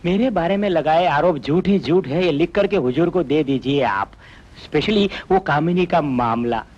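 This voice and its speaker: An actor dubbing a comic, whiny middle-aged police constable who pleads and complains in a self-pitying way. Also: male voice, on the high side, measured pace, a little mellow. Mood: pleading. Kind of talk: Hindi film dubbing. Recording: dull lo-fi dubbed film audio.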